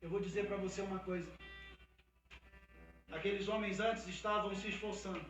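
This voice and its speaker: A high, bright-toned man with a Brazilian Portuguese accent, preaching with mounting fervor. His voice rings through an echoey church hall from some way off the mic, with soft guitar underneath. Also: far from the mic. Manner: emphatic preaching that builds to a fervent, loud climax. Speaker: pastor. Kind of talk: sermon. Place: church hall, livestreamed service.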